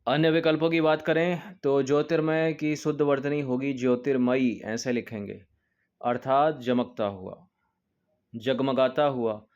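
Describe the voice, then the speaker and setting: Man calmly explaining exam answers. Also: medium pitch, measured pace, clear, resonant tone, dull audio. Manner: explains step by step, repeats answers for emphasis. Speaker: exam coaching teacher. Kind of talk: test-paper walkthrough lesson.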